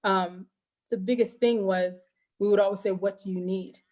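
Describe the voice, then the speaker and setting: A woman's voice: mid-range voice, steady tone, normal speed, a little mellow. Woman, interview guest, earnest and heartfelt, mid-range voice, talking over a video call. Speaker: guest filmmaker and teacher. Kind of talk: casual interview chat.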